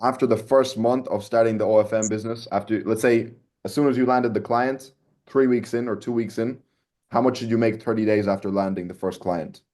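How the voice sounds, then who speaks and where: A man's voice: lowish voice, steady tone, a little fast, darkish tone. A man hosting a casual interview, talking in a loose, slangy way and calling his audience boys and lads. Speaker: host.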